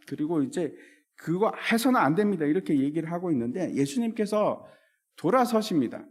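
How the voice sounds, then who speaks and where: A male pastor preaching a sermon in an animated way, acting out the scripture he quotes. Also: high-pitched.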